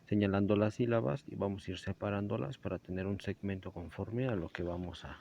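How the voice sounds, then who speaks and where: A man's voice: fairly low pitch, brisk, vocal fry, dark tone, a little hiss or hum. A young man giving a class presentation, explaining step by step with small slips and self-corrections. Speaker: student presenter. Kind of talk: school presentation narration. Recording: dull lo-fi recording.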